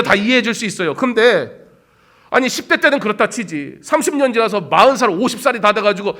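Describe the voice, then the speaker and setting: A man preaching a Sunday sermon, acting out quoted voices and swinging between loud outbursts and hushed asides. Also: high-pitched. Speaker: pastor.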